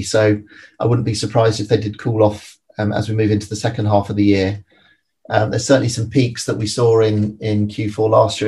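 A man gives analytical interview answers as a finance expert. His voice sits fairly low and moves very little in pitch, with a measured, point-by-point delivery. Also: darkish tone. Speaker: private equity expert guest.

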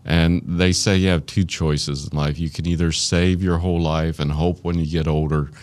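A middle-aged man with an Arkansas Southern accent, talking casually in an interview in a folksy, plain-spoken, halting way. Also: very deep voice, level tone, a little mellow.

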